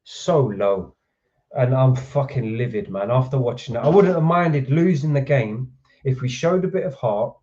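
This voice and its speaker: This man's mid-range, darkish voice fills a home football reaction stream as he rants and swears in frustration over the match. The recording has a dull, lo-fi quality.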